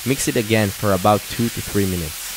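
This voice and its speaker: A young man giving calm, step-by-step cooking instructions in a scripted voice-over. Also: on the low side, a little fast. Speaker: fitness cooking creator. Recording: voice-over over loud music. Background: background music.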